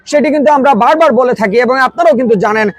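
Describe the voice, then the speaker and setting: A man's voice: very high voice, very fast, dry recording. A man with a Bangladeshi accent hosting a live football stream, commentating for online viewers and stretching words as attacks build.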